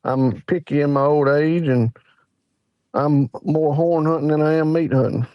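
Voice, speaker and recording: A man in his forties from Mississippi, with a Southern US accent, appears as a guest named Hunter in a casual interview, telling rambling, folksy stories packed with fillers. His voice sits a little high and moves a little slowly. The recording is dry and the audio sounds dull.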